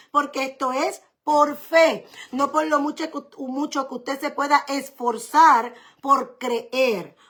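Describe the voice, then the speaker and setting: A woman's voice: high voice, fairly bright tone. A woman pastor preaching a sermon, repeating key phrases and asking rhetorical questions.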